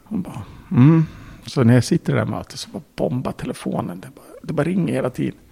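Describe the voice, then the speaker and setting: A man's voice: mid-range voice, lively intonation, mellow. A man, a podcast guest, telling a story in casual speech, bluntly, with swearing and acted-out quotes. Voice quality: gravelly, husky.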